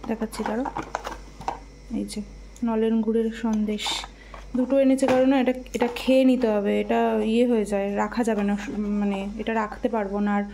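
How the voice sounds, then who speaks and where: Young woman, high voice, chatty everyday vlog talk, loud noise behind. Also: steady tone, a little fast. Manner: chatty, talks straight to viewers. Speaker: vlogger. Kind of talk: casual everyday vlog narration.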